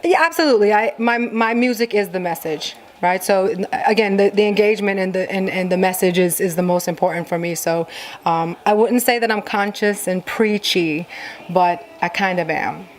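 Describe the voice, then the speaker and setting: A young Jamaican-born woman speaking with a light Jamaican accent smoothed toward American, answering interview questions in an animated way with many restarts and fillers. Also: medium pitch, moderate pace. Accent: Jamaican, softened toward American. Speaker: musician and interview guest. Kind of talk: casual interview conversation.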